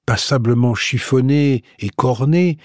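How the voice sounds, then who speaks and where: Man, audiobook narration, measured reading, mid pitch, dry close mic. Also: a little mellow, no room sound. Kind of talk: scripted narration.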